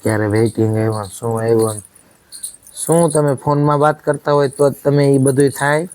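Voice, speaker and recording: A man's voice: mid-range voice, fairly even intonation, a little fast, darkish tone. Man, angry husband in a home drama, scolding and accusatory, keeps demanding "right?".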